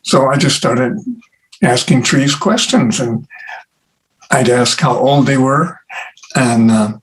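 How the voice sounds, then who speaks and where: A man who is an interview guest, telling stories in an unhurried way with many pauses and fillers. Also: medium pitch, low-quality recording. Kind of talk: casual conversation.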